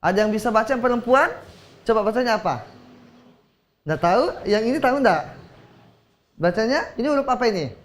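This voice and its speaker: A man's voice: high-pitched, expressive, a little fast, pauses often. A man teaching children as a religious teacher on a TV show, quizzing them and leading call-and-response with frequent praise. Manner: encouraging, quizzing, exclaiming praise often. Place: TV studio.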